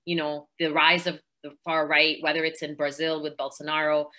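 Joining an online discussion by video call from home, this woman, a podcast host acting as a panelist, delivers earnest, fluent activist talk sprinkled with fillers. Her voice sits low with little pitch movement, sounds pushed and bright, and moves at a moderate pace.

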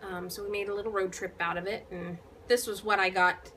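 A woman's voice: medium pitch, steady tone, brisk, a bit bright, slight background noise, rough recording. Chatty woman rambling about knitting. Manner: rambling, many ums and restarts. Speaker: knitting vlogger. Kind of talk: casual chat to camera.

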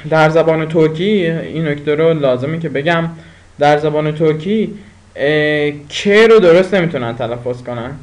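Male tutor with a slightly high voice, drilling vocabulary through repetition and chatty asides. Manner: repeats each word slowly, explains with pauses and fillers. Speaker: language teacher. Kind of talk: spoken language lesson.

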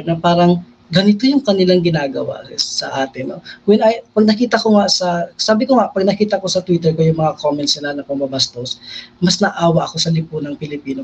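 A man's voice: sits high, a little hiss or hum, poor audio. A young man, a priest, talking earnestly in an interview and mixing Tagalog with English. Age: young adult. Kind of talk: conversational interview.

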